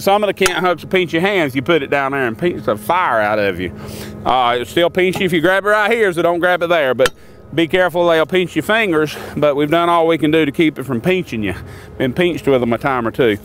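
An older man talks through a hands-on tool demonstration outdoors, filmed from a few meters away. His voice sits a touch high, and he rambles in a folksy way, full of "uh" and restarts. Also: fairly bright tone. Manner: folksy, rambling, with many fillers. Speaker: sawmill equipment maker demonstrating tools. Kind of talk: casual product demonstration. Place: outdoors by a sawmill and in a wooded lot.

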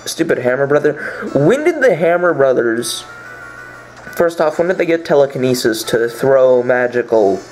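Lively, joking young man playing a game. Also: medium pitch, moderate pace, faint music behind, poor audio. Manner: joking, sarcastic, rambling. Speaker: gameplay commentator. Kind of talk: casual gameplay banter.

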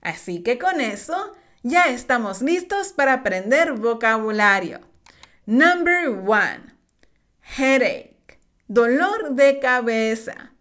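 Woman language teacher, slow, lively, fairly high voice, drills words for repetition. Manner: drills words slowly for learners to repeat. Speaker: English teacher. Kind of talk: slow, clear language lesson.

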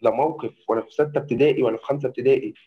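A young man with an Egyptian Arabic accent rambles quickly through his personal story, words tumbling out at a rapid clip. His voice sits at an ordinary pitch. The sound is dull and muffled. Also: fairly even intonation. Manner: rambling, keeps addressing the host as doctor. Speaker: guest telling his conversion story. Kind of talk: personal testimony, casual. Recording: muffled lo-fi audio.

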